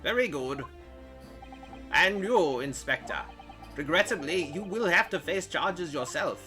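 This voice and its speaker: A man's voice: sits high, expressive, unhurried, sharp tone, soft background music, exaggerated voice. A man doing a stern old judge. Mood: grave. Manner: formal, grave. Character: stern older male judge.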